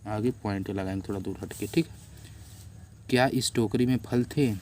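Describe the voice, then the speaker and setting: A middle-aged man teaching English translation, spelling words out letter by letter and repeating them slowly as viewers copy along. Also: on the low side, darkish tone, a little hiss or hum. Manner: addresses viewers as friends, patient. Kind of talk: classroom-style lesson, slow dictation. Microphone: camera on a notebook while writing.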